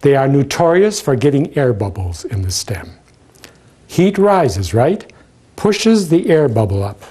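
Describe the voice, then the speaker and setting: A man's voice: medium pitch, big pitch swings, unhurried, dark tone, husky. A middle-aged man, a floral consultant, showing step by step how to prepare flowers, emphatic and dropping small jokes as he talks to the viewer. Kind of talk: hands-on demonstration.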